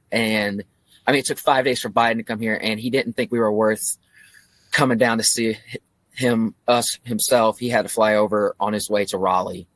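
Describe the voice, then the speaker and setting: A man's voice: fairly low pitch, a bit bright, no room sound. A man giving a blunt, frustrated street interview as a local resident.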